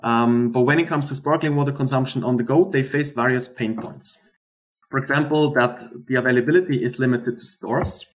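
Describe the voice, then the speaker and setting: A man presents as a startup founder in a rehearsed investor pitch style, explaining earnestly with some halting pauses. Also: steady tone.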